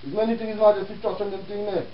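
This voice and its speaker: A man's voice: sits high, fast talker. Echoey Jamaican man in Rastafarian speech. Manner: preaching, rhetorical, peppered with check-in questions. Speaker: self-help show host. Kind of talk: Rastafarian speech, informal lecture with readings. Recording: echoey room, distant mic, dull with hiss.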